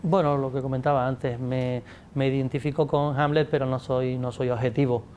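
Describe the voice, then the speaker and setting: A medium-pitched, darkish male voice comes through with flat delivery at normal speed, plus a little hiss or hum. He's a native English speaker in his forties, a literature scholar guesting in a pink-backdrop studio, answering literature interview questions at a table mic with many restarts, lots of gestures, and direct address to the audience.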